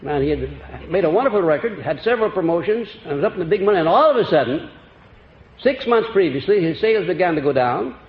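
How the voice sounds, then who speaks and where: A faint hiss runs through this echoey, dull old tape of a man lecturing before a live audience in a lecture hall. His voice sits high, his intonation is lively, and he moves at a quick pace, giving a folksy motivational seminar while chuckling and quizzing the room.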